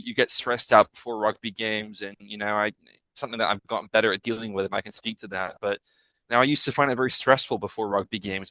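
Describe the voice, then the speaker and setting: A man's voice: fairly low pitch, pushed and bright, dry recording, rough recording. A young man who grew up in Hong Kong, a rugby player talking at length as a podcast guest, often restarting his sentences. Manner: expansive, talks at length with self-corrections. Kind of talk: casual podcast chat.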